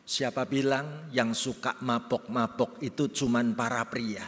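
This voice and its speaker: A man preaching a sermon, telling funny anecdotes and acting out the people in them. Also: medium pitch. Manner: animated storytelling, acting out quoted voices. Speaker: pastor. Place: church. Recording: reverberant church hall.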